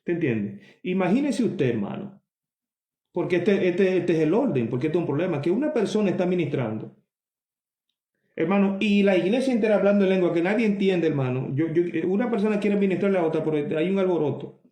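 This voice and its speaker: A man preaching a Bible teaching sermon, reading scripture slowly and then explaining it with emphatic asides to his listeners. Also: high-pitched, lively intonation, dark tone, reverberant.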